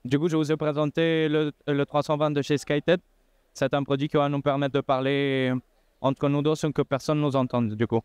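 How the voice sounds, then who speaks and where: Young man demoing a headset, flat voice. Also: a little high, normal speed, clean tone, no room sound. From Costa Rica. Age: 20s. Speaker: product demonstrator. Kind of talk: casual demo talk.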